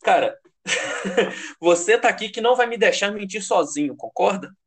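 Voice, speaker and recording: A man with a high-pitched voice and a Brazilian Portuguese accent talks sports casually and heatedly. He is slangy and emphatic, swears freely and repeats phrases to drive his point home. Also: animated, moderate pace. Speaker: American football fan commentator.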